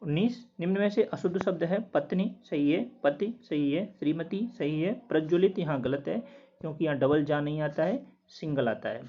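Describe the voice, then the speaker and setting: Methodical male Hindi teacher, dull recording. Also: a little high. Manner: steady, methodical, repeats each word slowly. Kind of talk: explaining answers to a quiz.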